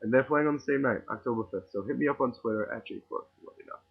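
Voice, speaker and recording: Fast-talking and gravelly, slightly rough at medium pitch, this New York City podcast host has a strong New York accent. He delivers a casual, sarcastic, opinionated rant that rambles and keeps restarting, all captured in tinny, phone-like audio.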